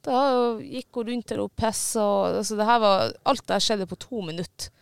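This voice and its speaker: A man telling a story in casual chat, animated, swearing now and then and pausing often on fillers. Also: high voice, gravelly, smooth, dry recording, studio quality.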